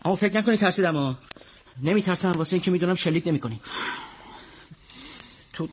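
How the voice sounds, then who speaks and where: A man's voice: high voice, slight background noise, close to an everyday voice. An actor playing a young man who argues defiantly while held at gunpoint. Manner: defiant, pleading, argumentative. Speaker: tenant's husband. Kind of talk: television drama acting.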